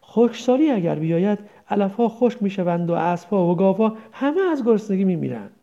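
A woman's voice: medium pitch, expressive, dark tone, natural voice. A woman voicing an old village mother who rambles tenderly and laments her son, on a dull lo-fi recording. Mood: rambling worry. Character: old village mother, grieving, confused, doting.

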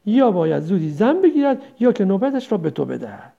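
A woman's voice: medium pitch, sing-song, gravelly, warm tone, dull audio. A woman voicing a rambling old village mother. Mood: tender lament. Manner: rambling, tender, lamenting. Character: old village mother, grieving, confused, doting.

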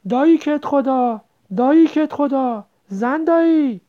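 A man doing a timid, high-pitched village girl. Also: expressive. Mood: frightened. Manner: pleading, timid, stammering. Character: frightened young village girl. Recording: dull lo-fi recording.

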